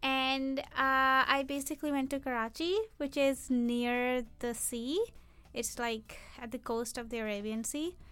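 A woman's voice: sits high, fairly even intonation, measured pace, pushed and bright, clean tone. A woman co-hosting a language lesson in a casual, chatty, conversational way. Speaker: Urdu lesson podcast host.

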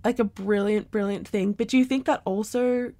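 A woman's voice: medium pitch, steady tone, mellow, no echo. Earnest young woman podcast host. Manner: reflective, earnest, drawn-out phrasing. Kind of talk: casual podcast conversation.

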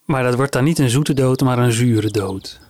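A man's voice: mid-range voice, moderate pace, noisy background. A man hosting a casual chat, joking and asking quirky questions. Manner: jokey, asks quirky questions. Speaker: host. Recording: music playing underneath.

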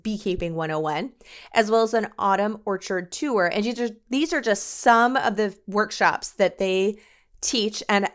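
Female podcast host, medium-pitched, explanatory introduction style.

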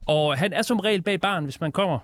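A man's voice: high-pitched, a bit bright, dry recording. Rambling man telling stories. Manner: rambling anecdotal storytelling with many fillers. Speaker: guest. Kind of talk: casual comedic chat.

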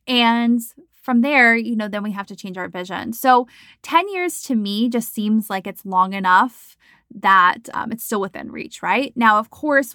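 A woman's voice: medium pitch, fairly bright tone, dry recording, studio quality. A woman in her thirties hosting a podcast as a coach, talking casually and encouragingly with lots of "like" and "you know.". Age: 30s. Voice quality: chatty, frequent "like" and "you know".

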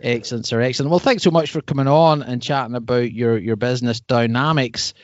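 A man's voice: mid-range voice, steady tone, fairly quick, a little mellow, dry recording, lo-fi sound. A man hosting a podcast, chatting in an informal, chummy way as he introduces and questions his guest. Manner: informal, chummy, uses slangy address. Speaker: podcast host. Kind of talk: casual chat, interviewing.

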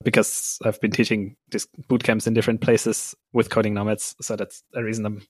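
Low-voiced man from Austria, chatty. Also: a little fast, no echo. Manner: relaxed, laughs often, many fillers. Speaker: guest. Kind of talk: casual interview conversation.

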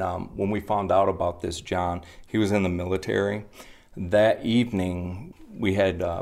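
A man working as a paranormal investigator, talking casually and haltingly about his findings. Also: sits low, creaky, darkish tone. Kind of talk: casual interview.

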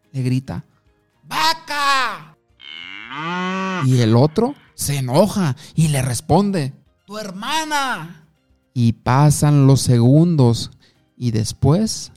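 A man's voice: fairly high pitch, dark tone. A man giving an instructive talk on communication, asking the listener questions and telling short anecdotes. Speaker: communication coach.

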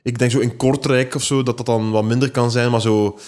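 A man's voice: medium pitch, fairly even intonation, a little fast, a little mellow. A tired man, co-hosting a podcast in casual chat, stammering and repeating words as he talks. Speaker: podcast co-host.

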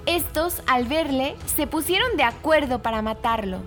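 A woman hosts a weekly children's story program and narrates with lively, emphatic expression. Her voice is high and bright. Light music plays under her narration. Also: moderate pace. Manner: animated, expressive, emphatic repetition.

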